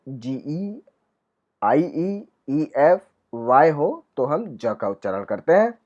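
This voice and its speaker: Brief: male tutor, slow and sing-song, dull lo-fi sound, asks then answers. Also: fairly high pitch. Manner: lively, questioning the viewer then answering. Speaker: English teacher. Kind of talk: spoken English lesson. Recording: dull lo-fi recording.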